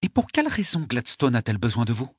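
A man reading an audiobook, voicing a sharp, commanding noblewoman who interrogates a prisoner, in a husky falsetto. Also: wildly swooping pitch, quick pace, no echo, studio quality. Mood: probing. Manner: imperious, urgent questioning. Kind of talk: audiobook character voice.

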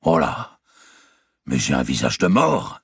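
A man voicing a brash, mocking giant of a royal nobleman, loud and bellowing in an audiobook reading. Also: extremely low pitch, wildly swooping pitch, takes it slowly, vocal fry, breathy edge, no room sound, studio quality, heavily acted.

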